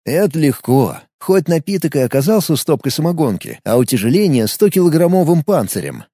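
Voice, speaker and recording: A man narrating an audiobook with animated, expressive storytelling. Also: on the high side, a little fast, breathy edge, no room sound, clean studio sound.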